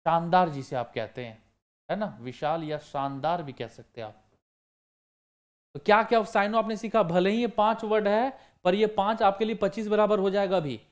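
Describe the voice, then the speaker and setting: A man's voice: high-pitched, normal speed. Man teaching, answering his own questions. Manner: asks questions and answers them himself, repeating key words. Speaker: exam prep teacher. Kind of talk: online vocabulary lesson.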